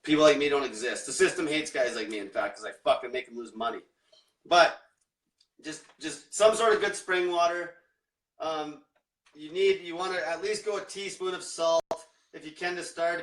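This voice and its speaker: A man's voice: on the high side, moderate pace, a bit bright, reverberant, distant mic. A young man coaching on a livestream, ranting bluntly and swearing constantly. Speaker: diet coach. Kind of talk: livestream rant.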